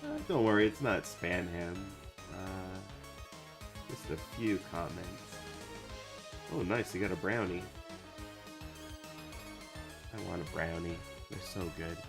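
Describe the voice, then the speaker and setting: Over music, a man with a low, measured voice and some vocal fry chats on a stream and responds to comments. He's an animator and channel producer, rambling with frequent fillers and restarts as he recovers from a week of sickness.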